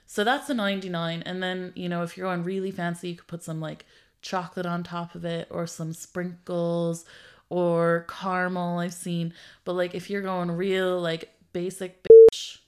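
A woman co-hosting a podcast, chatting casually, playful and quick to giggle. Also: on the low side, level tone. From Ireland. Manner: playful, giggly, drifts into silly bits. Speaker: podcast co-host. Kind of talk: casual comedic chat.

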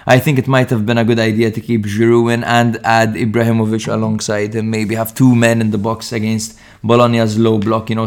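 A young man co-hosting a football podcast, giving frank, animated match analysis in casual chat, with the odd swear word. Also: mid-range voice, clean tone.

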